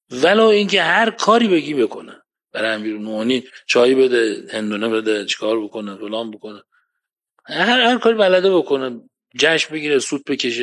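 A man gives a religious lecture in a voice of middle pitch. He keeps it lively, pushing up to emphatic points and then falling quiet, and he quotes Arabic verses along the way. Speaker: preacher.

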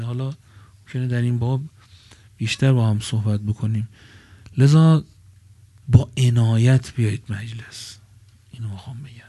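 A man giving a religious sermon at a gathering under a tent. He moves from quiet asides to loud, stressed phrases and slows down to draw out key words. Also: mid-range voice, no room sound. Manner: swings between soft asides and loud emphatic phrases, drawing out key words slowly. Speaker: preacher.

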